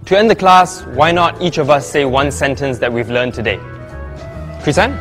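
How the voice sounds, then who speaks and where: A man's voice: medium pitch, expressive, moderate pace, a bit bright. Man teaching a class over music. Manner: patient, instructing, leads repetitions. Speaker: teacher in a comedy sketch. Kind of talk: sketch comedy, acted class. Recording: background music under speech.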